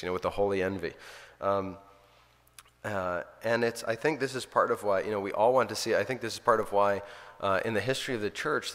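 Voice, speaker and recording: Man, priest, low voice, earnest storytelling, long hall reverb. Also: a bit bright. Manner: earnest, storytelling, often restarts sentences. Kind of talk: informal spiritual talk.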